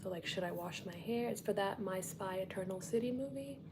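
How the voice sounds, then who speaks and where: A woman entertainment reporter chatting casually to her vlog audience at home. She often drops into a soft whisper. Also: medium pitch, fairly quick. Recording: noticeable background noise.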